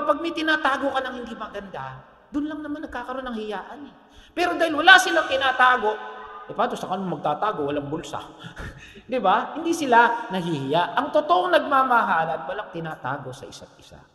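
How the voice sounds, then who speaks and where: A middle-aged Filipino pastor preaches with a strikingly high, lively voice, mixing jokes and asides to the congregation into his sermon. He is recorded in a church hall whose reverb rings long after each phrase. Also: fairly quick.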